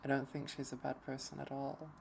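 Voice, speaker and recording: Brief: let's play streamer reading a visual novel aloud, gravelly and slow, mid pitch, game music underneath. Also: level tone, slight background noise. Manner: slow, hesitant first-person reading.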